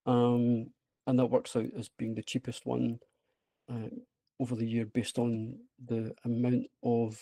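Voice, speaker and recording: A man with a broad Scottish accent, an app creator, gives an informal presentation over a screen-shared video call, hesitant and self-deprecating yet enthusiastic. His voice is medium-pitched and dark, with no room sound.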